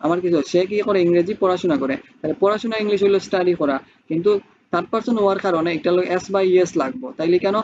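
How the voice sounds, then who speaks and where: Fast-talking, high-voiced man teacher. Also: darkish tone, dull audio, a little hiss or hum. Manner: explains step by step, asks rhetorical questions. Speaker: English teacher. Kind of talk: spoken English lesson.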